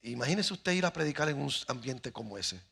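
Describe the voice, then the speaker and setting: A man's voice: mid-range voice, animated, fairly quick, creaky, a bit bright, husky. A middle-aged man, preaching as a pastor and telling a story with dramatic pacing. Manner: dramatic, acts out voices in his stories. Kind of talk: sermon with storytelling. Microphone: handheld microphone. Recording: faint music behind the voice.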